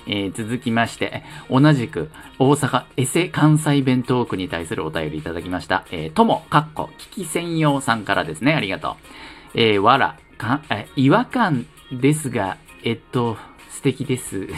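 A man from the Kanto region chats alone into the mic as host of his own talk show. His voice sits at a middle pitch but swings up and down a lot, and his tone is playful and self-mocking. Soft music plays quietly behind him. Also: sing-song, normal speed. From Kanto region of Japan. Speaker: solo podcast host reading listener letters. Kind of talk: casual solo radio talk.

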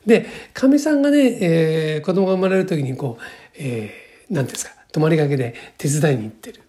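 A man's voice: on the high side, animated, fast talker, warm tone. A man in his sixties talking alone as a podcast host, chatty and rambling, with a filler in nearly every phrase. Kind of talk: casual solo monologue.

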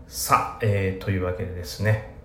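A man's voice: low voice, level tone, fairly quick, bright, forceful tone, slight background noise. A man with a Kansai accent who hosts a podcast and answers listener questions in a casual, self-deprecating way, with lots of fillers. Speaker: podcast host. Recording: roomy echo.

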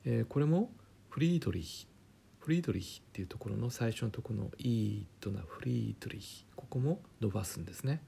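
A man teaching German pronunciation in a chatty, joking way, often dropping to a quiet aside. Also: mid-range voice, lively intonation, brisk, vocal fry, a little hiss or hum. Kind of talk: casual spoken lesson with jokes.

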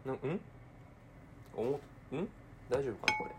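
A young man with a Kansai accent talking casually to himself while cooking, swinging between quiet mumbling and excited outbursts. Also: medium pitch, measured pace, heavy background noise. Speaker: podcaster.

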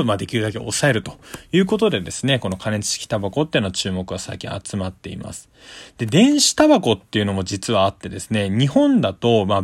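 Man, casual explainer monologue, polite step-by-step manner, very animated intonation, medium pitch, dry close sound. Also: dry recording. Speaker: solo talk show host.

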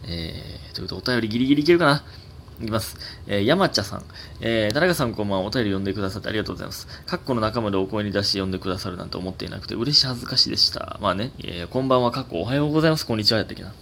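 Fairly low-pitched and very fast, this man's voice carries vocal fry and a little hiss or hum. He's a Kansai-accented podcast host in his twenties, reading letters on his casual solo talk show. His delivery rambles and chats along, packed with fillers, and swings up when he gets excited.

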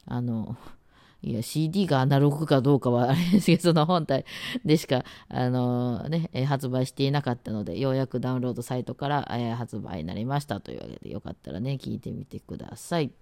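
A woman's voice: extremely low pitch, lively intonation, fast talker, vocal fry, dark tone, no room sound. A woman with an Osaka accent chatting casually on her own podcast, rambling with many fillers and trying words out aloud. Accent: Osaka dialect. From Osaka, Japan. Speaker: radio talk host and musician. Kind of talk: casual solo podcast chat.

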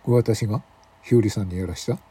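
A man's voice: lowish voice, fast talker, dark tone, slightly rough. A man hosting a comic talk show, reading mock news and feigning outrage. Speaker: radio talk host.

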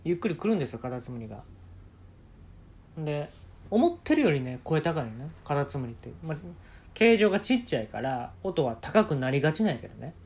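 A man's voice: a little high, big pitch swings, fairly quick, vocal fry, darkish tone. A man with a Kansai accent, hosting solo and telling a comic story in a casual, conversational way, acting out bits of dialogue. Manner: conversational, acts out quoted dialogue. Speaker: solo podcast host. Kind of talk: casual comedic storytelling monologue.

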